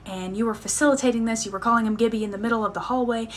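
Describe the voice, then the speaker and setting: A woman's voice: on the high side, steady tone, very fast, slight background noise. A young woman telling a casual storytime to camera with mock drama.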